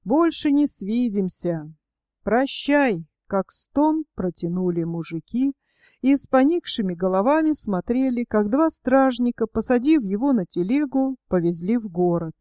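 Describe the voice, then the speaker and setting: A woman narrating a story in an even, measured reading. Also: a little high, dry recording, clean studio sound.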